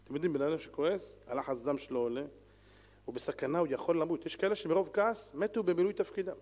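A man, a rabbi, giving a sermon in an animated, lively way, swinging between loud calls and soft pleading. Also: a little high. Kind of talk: Torah lecture sermon. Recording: long hall reverb.

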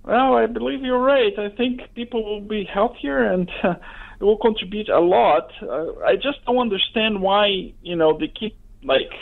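A man with a fairly high voice calls in to a talk show. He speaks casually and hesitantly, full of fillers, through a narrow-band telephone line. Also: creaky. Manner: hesitant, halting, many fillers. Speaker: radio phone-in caller. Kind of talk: casual chat. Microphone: telephone call.

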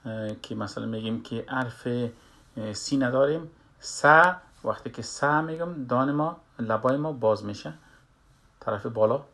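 A man teaches a recitation lesson at an unhurried pace. His delivery is hesitant, broken up by long pauses and drawn-out filler sounds. His voice sits at an ordinary middle pitch. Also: gravelly. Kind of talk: slow spoken lesson with demonstrations.

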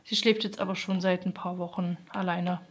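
A woman in her thirties speaks at a moderate pace in a lowish, steady voice, chatting casually as a family vlogger and mother of three. Her daily vlog is filmed indoors in furnished rooms at home, using a handheld or propped camera at arm's length.

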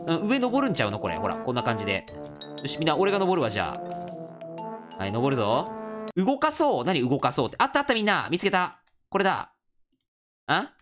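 A woman's voice: low voice, wildly swooping pitch, brisk, pauses often, over music. A woman commentating a game, reading its text aloud and rallying the other players in a playful tone. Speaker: gaming channel host.

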